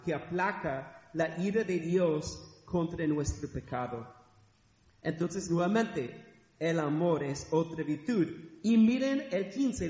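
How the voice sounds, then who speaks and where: A man's voice: high-pitched, a little mellow. A middle-aged man preaching a sermon in a church hall, asking the congregation rhetorical questions. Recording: echoey hall, dull sound.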